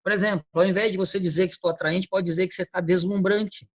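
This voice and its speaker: A man giving a motivational talk on word choice, acting out quick everyday exchanges. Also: high voice, fairly even intonation, a bit bright, dry recording. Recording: dull lo-fi recording.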